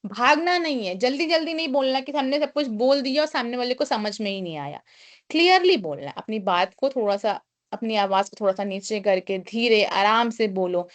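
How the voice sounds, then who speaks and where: A young woman leads a live online lesson, her voice slightly higher than most. She builds each point step by step, reads each English line slowly before restating it, and keeps dropping in a small filler phrase as she thinks. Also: a bit bright. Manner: frequent filler "kya kehte hain". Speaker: online class teacher.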